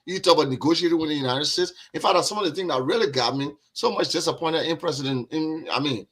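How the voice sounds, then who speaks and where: A man's voice: a little high, fast, a bit bright, slightly rough. A man with a Liberian accent, a guest on a discussion podcast, talking earnestly and repeating words as he builds his point.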